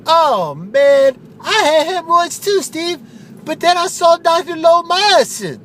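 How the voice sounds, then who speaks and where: A man voicing an excitable barfly in a spoof radio ad who talks loud, high and shouting. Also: a little slow, slight background noise, exaggerated voice. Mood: excited. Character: excitable, shouting male barfly pushing a doctor.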